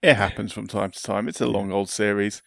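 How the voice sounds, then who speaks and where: A man's voice: lowish voice, steady tone, a little fast, vocal fry, a bit bright, no echo, studio quality. A man chatting casually as a podcast host. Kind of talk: casual chat.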